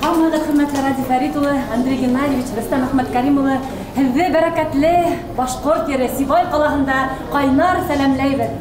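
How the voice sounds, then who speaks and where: A woman's voice: sits high, fairly even intonation, a crowd in the background. A woman arena announcer delivering a formal, solemn ceremonial greeting over a PA system in an indoor ice arena. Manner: solemn, measured and declamatory. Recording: echoey PA in an ice arena, with noise.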